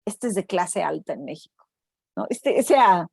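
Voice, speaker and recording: A woman's voice: fairly low pitch, moderate pace, gravelly, breathy edge, no room sound, studio quality. A Mexican woman, a university researcher, telling a story in a casual interview and often tagging her sentences with "no?". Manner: animated storytelling, acts out quoted voices, frequent "¿no?" tags.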